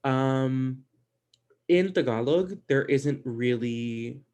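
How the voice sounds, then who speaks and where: Casual halting male language teacher. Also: medium pitch, a little mellow. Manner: casual, halting, many fillers. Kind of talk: online language class.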